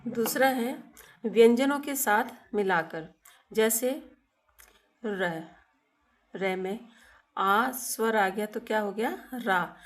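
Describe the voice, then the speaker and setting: A woman teaching a class in a slow, unhurried way. Her voice sits a little high. She poses questions to the children, answers them herself, and stretches out each sound as she explains. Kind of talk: classroom grammar lesson.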